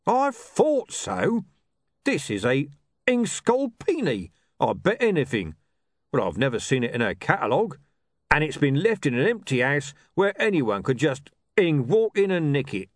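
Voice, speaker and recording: A man doing a loud, cursing thug. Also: fairly high pitch, sing-song, measured pace, dry recording, studio quality, voice pushed up. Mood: gruff. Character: loud, coarse, swearing male thug with a love of art.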